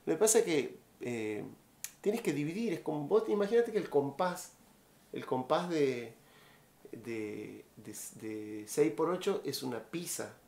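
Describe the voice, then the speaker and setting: A man with an Argentine accent teaching guitar in a relaxed live online lesson, counting beats aloud and vocalizing the strums. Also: fairly high pitch, unhurried, echoey room. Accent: Argentine Spanish. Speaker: music teacher.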